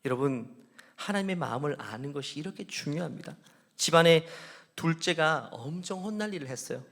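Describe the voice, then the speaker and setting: A man's voice: on the high side, animated, a little fast, a bit bright. A male pastor delivers a sermon in a church, his voice set a little above the usual range for a man. He asks the congregation question after question and acts out the prayers he quotes. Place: church sanctuary.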